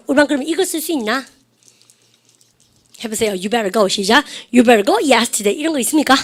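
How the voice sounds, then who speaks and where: A middle-aged woman gives an animated English grammar lesson in a slightly high voice. She keeps prompting her class to repeat after her and drops into slow, careful English for the drill phrases. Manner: coaxing, calls students to repeat phrases; switches between dialect-tinged Korean asides and slow English drills. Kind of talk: lively classroom-style lecture.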